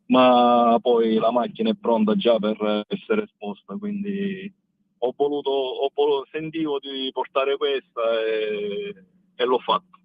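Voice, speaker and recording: A man calling in on speakerphone while driving, explaining plans in a halting, step-by-step way as an event organizer. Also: mid-range voice, vocal fry, dry recording. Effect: on speakerphone over a phone line while driving. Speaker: phone-in guest, event organizer. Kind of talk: casual phone chat on radio. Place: in a car. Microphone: hands-free car speakerphone. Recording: dry, tinny phone line.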